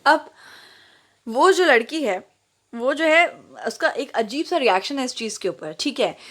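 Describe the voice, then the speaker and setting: A woman with a fairly high voice works through a story as a teacher. She reads each line slowly and deliberately, then stops to explain it in her own words and sounds words out again so they can be repeated after her. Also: expressive, a bit bright. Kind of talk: reading a story aloud and explaining it.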